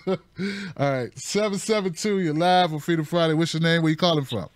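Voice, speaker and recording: A man's voice: on the high side, moderate pace. A man hosting a call-in show, talking loosely with frequent laughs and friendly banter. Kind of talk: casual talk show hosting.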